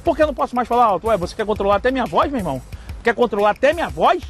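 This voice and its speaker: A man loudly taunts someone over the phone in a staged prank, worked-up and challenging. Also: very high voice, big pitch swings, racing, faint music behind. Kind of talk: loud staged phone provocation.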